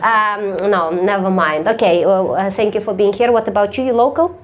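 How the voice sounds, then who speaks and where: Eine Komikerin, die auf einer Live-Bühne stumpf und neckend mit dem Publikum spricht und oft lacht. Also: female voice, medium pitch, normal speed. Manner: blunt, teasing, laughs often. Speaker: stand-up comedian. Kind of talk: stand-up crowd work. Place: live comedy stage.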